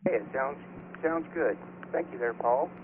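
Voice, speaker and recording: A man's voice: mid-range voice, measured pace. A man working as net control on an amateur radio net, calling for check-ins in casual procedural talk over two-way radio with static. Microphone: radio microphone over repeater. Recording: narrow, static-laced ham radio transmission.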